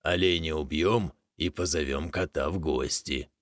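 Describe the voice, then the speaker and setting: A man doing a low, grumbling cowardly bear. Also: unhurried, dry recording, studio quality.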